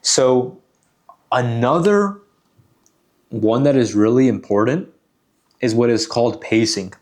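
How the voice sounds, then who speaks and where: A man coaching on sales calls in a measured, deliberate way, repeating key phrases for emphasis. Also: medium pitch, darkish tone. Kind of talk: instructional talk.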